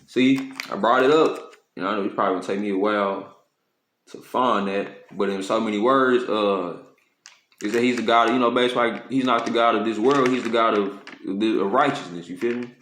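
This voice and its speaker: A man talks scripture straight into his camera in loose street slang, swearing freely and checking in with his listeners again and again. His voice sits low. The room around him rings with echo. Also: fairly bright tone. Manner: slangy, profane, repeats "you know what I'm saying"; slows to read scripture aloud. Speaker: street preacher. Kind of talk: informal scripture teaching to camera. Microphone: phone or camera.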